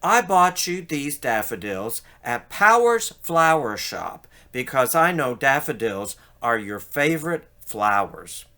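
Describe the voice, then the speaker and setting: A man's voice: medium pitch, very animated, slow pace, few pauses, pushed and bright, full character voice. A man reading a children's storybook, playing a shy, eager, kindly male cartoon mouse. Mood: surprised, hurt. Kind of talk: children's storybook read-aloud.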